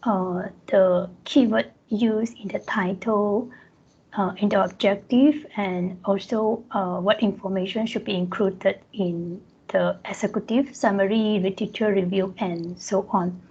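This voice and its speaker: Breathy woman on a screen-recorded video call. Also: medium pitch, fairly even intonation, darkish tone, dull audio. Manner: halting, pausing often mid-sentence. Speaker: academic presenter. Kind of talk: online workshop presentation. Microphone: computer mic on a video call.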